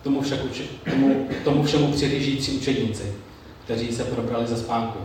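A man preaching a sermon in a slow, measured way with pauses. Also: medium pitch, fairly even intonation, a little mellow, slight background noise. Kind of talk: sermon with Bible reading. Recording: very echoey room, mic far off, faint ambience.

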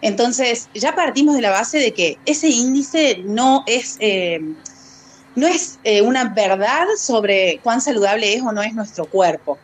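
A woman's voice: on the high side, animated, unhurried, a little hiss or hum. A woman guest speaking as a fat activist, telling a personal story in a hesitant way, with many fillers and laughs between phrases. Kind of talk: conversational storytelling.

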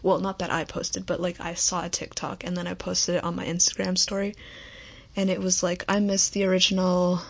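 A woman's voice: fairly low pitch, flat delivery, fairly quick, vocal fry, breathy edge, dull audio. A young woman hosting her own podcast, chatting casually and rambling with lots of "like" and "um". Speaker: podcast host. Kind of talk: casual late-night solo podcast chat.

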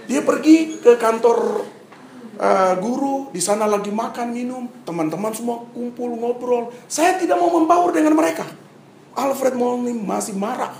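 A man from Papua telling a personal testimony story to an audience, dramatic, acting out scenes and swinging between loud bursts and hushed asides. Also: very high-pitched, lively intonation, measured pace, roomy sound, a little hiss or hum. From Papua, Indonesia. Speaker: speaker giving a personal testimony.

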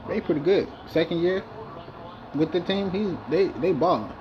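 A man with a somewhat high voice talks in a loose, rambling way, swearing freely and restarting his sentences. He chats casually about his game, and a faint hum of room noise sits behind him. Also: moderate pace, lo-fi sound. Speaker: video game player. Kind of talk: casual gameplay commentary.

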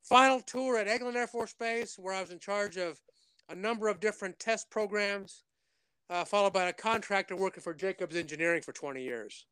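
A man's voice: high-pitched, a little fast, a bit bright, clean tone, no echo. An older man, a retired Air Force officer, telling stories in a casual interview, rambling with many restarts and quoting others.

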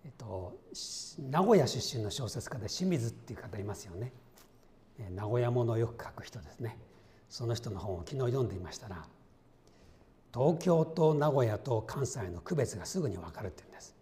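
A man's voice: medium pitch, fairly quick. A middle-aged man preaching a sermon as pastor, conversational and asking his listeners questions. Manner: lively, conversational, asks the congregation questions.

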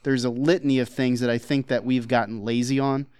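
Man, podcast co-host, casual rambling chat, smooth resonant voice, dry close mic. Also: medium pitch, little pitch movement, fairly quick, a little mellow, no echo. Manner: rambling, with many fillers and restarts.

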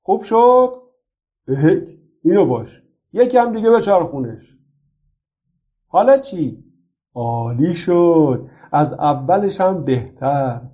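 A man's voice: on the high side, lively intonation, pauses often, natural voice. A man reading the part of a kindly older neighbor who praises and blesses a child in a storybook. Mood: delighted. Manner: warm, praising tone.

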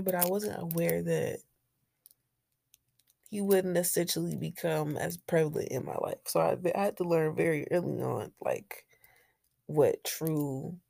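A young woman with a low, creaky, mellow voice hosts a casual solo podcast, recorded dry. She delivers her monologue candidly and bluntly, with plenty of swearing and laughter.

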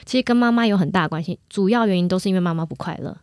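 Dry, fast-talking woman host. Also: fairly low pitch, no room sound. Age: 30s. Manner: animated, tells anecdotes with acted quotes. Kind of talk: casual chat.

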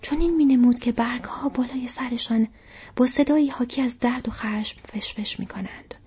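A woman narrating an audiobook in a steady, even storytelling manner. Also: fairly high pitch, breathy edge. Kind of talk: scripted narration. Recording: dull lo-fi recording.

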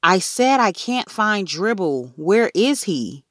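A woman voicing an anxious boy of about nine who shouts and pleads urgently. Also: medium pitch, sing-song, slow pace, dry recording, clean studio sound, pitched above the performer's own voice. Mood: alarmed. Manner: urgent, rising to yells.

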